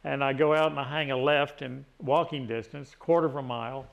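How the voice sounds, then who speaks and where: The audio is dull, and the man's creaky mid-range voice is steady in tone and fairly quick. He's a retired vlogger in his sixties with a Southern Tennessee accent, rambling through casual chat with many restarts and fillers.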